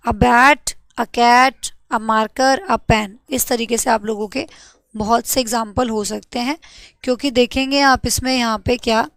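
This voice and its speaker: A young woman teaching an English grammar lesson to exam students, asking and answering her own questions and spelling out letters slowly. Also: a little high, steady tone, fairly bright tone, no echo.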